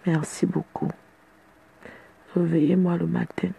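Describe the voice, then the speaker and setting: Gravelly, husky woman, slow and boastful. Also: fairly low pitch, level tone, warm tone, poor audio. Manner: boastful, playful, chatty. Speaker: social media personality addressing fans. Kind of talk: casual live video chat.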